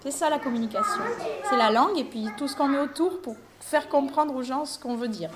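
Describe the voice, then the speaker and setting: High-voiced woman teacher explaining to kids. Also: expressive. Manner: patient, simple explanations with pauses. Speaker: teacher running video calls with English pupils. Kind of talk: explaining to schoolchildren in an interview. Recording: noisy classroom with crowd chatter. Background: children chattering.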